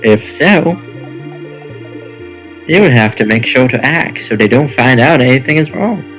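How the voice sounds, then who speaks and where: A man voicing a calm, cryptic guide figure while reading game dialogue aloud, in a measured way. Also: mid-range voice, faint music behind. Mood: calm, guiding. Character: mysterious helpful guide Loop, calm and cryptic.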